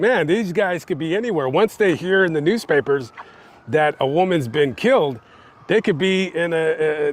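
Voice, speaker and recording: A man hosting a true-crime channel, telling the story on location in a casual, conversational way, with plenty of fillers as he talks to his viewers. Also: on the high side. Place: on location outside a house.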